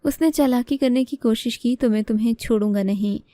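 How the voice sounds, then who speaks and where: Brief: woman doing a menacing male kidnapper in a storybook reading, flat and deliberate, low warm timbre. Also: no echo, close to an everyday voice. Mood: threatening. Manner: flat, measured, chewing each word. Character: angry young man, the kidnapper, cold and threatening.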